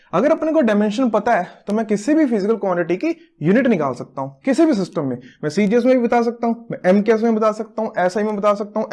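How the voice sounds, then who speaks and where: A man's voice: high-pitched, darkish tone. A man in his thirties giving a physics lecture, playful and teasing, joking about himself as he works through units. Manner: playful, teasing, self-mocking. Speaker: physics teacher. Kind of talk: recorded classroom lecture.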